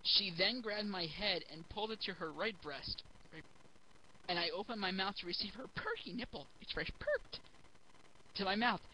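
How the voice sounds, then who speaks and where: Giggly drunk man with a bright, high voice. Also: normal speed, slight background noise, rough recording. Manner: giggly drunk, stumbling over the text. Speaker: host reading a story aloud. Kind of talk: comic read-aloud with mocking asides.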